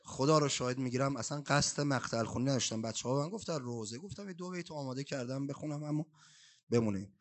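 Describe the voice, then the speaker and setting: A man giving a mourning sermon at a religious gathering, switching between quick spoken asides and slow, drawn-out chanted lamentation. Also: medium pitch. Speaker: eulogist reciting a mourning elegy. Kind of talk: Shia mourning sermon with chanted Arabic recitation. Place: shrine gathering hall.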